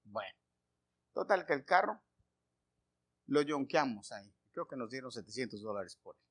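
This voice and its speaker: A middle-aged man preaching a sermon, telling homely stories and firing questions at the congregation, swinging from loud calls to quiet asides. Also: mid-range voice, sing-song, moderate pace, slightly rough. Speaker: pastor.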